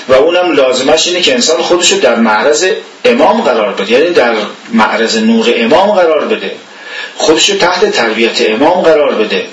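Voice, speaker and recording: A man's voice: mid-range voice, a bit bright, a little hiss or hum. A man giving an informal religious lecture in a conversational way, asking rhetorical questions and chuckling now and then. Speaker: religious teacher. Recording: echoey room, voice from far off the mic.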